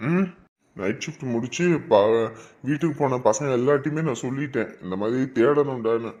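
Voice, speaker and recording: A man's voice: mid-range voice, moderate pace, a little mellow, natural voice. Man playing a brotherly friend, reassuring, dull recording. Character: loyal male friend and coworker, comforting.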